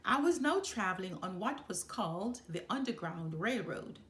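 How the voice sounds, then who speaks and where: Reading a children's book aloud at storytime, a woman delivers first-person narration with lively, varied pitch. Her phrasing is measured, deliberate and dramatic, with plenty of pauses, and the sound is roomy and echoing.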